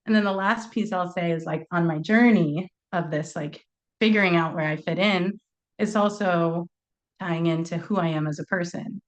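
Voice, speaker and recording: A woman's voice: on the low side, moderate pace. A woman speaking as a panelist at an online forum, talking in a chatty, informal way with many fillers, heard over a video call. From United States.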